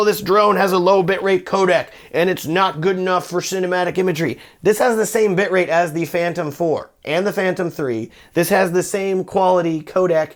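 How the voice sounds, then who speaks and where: A man with a slightly high voice gives a casual gear review. He sounds enthusiastic and chatty, and he speaks directly to the viewer. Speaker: wedding filmmaker reviewing gear.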